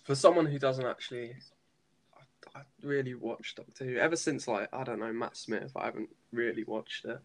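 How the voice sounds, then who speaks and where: A man's voice: mid-range voice, brisk. A man interviewing a guest in casual chat, curious and teasing.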